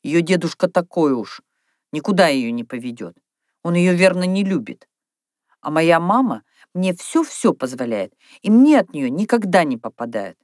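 A woman reading aloud, voicing an excitable, scatterbrained little girl who exclaims a lot. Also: lowish voice, normal speed, dry recording, studio quality. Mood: excited. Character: scatterbrained giggly little girl, easily sulky.

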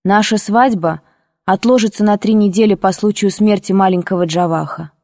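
A woman voicing a calm, reassuring father in a storybook reading. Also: mid-range voice, moderate pace, no echo, clean studio sound, close to an everyday voice. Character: calm father, a prince with dark mustache.

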